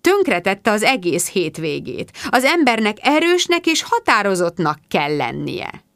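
A woman's voice: mid-range voice, sing-song, a bit bright, no echo. An indignant, self-pitying woman, as a woman reader voices her, complaining in a firm tone. The sound is close and dry. Her lines stay close to the reader's own voice in an audiobook.

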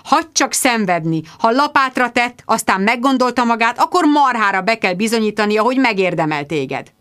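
A woman voicing a bossy, fiery young woman friend who talks emphatically and loudly, in an audiobook. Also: on the high side, lively intonation, clean tone, pitched above the performer's own voice. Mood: insistent. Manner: emphatic, shouting.

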